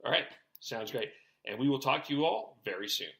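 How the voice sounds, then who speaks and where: A man's voice: mid-range voice, animated, fairly quick, gravelly, a bit bright. A man hosting a casual podcast chat, rambling and thinking aloud in restarts. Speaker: podcast host.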